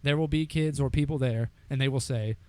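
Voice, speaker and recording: Young american guy, medium pitch, casual podcast bro talk, wry and pokes fun at himself. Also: brisk, darkish tone, dry recording. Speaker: podcast co-host. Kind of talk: casual banter.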